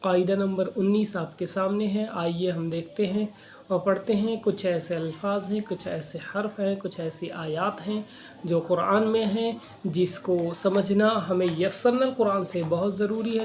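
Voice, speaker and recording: A man teaching Quran reading, spelling out letters and vowel marks slowly and one syllable at a time, and telling his learners directly to watch and remember. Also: high voice, steady tone, darkish tone. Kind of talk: recorded reading lesson.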